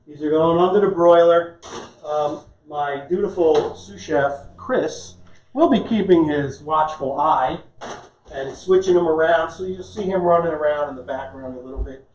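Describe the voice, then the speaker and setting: A chef and cooking show host in his fifties runs a live demonstration in his home kitchen, chatting casually and cracking jokes. His voice is on the high side and darkish, at a normal speed, and the echoey room makes the sound dull and muffled.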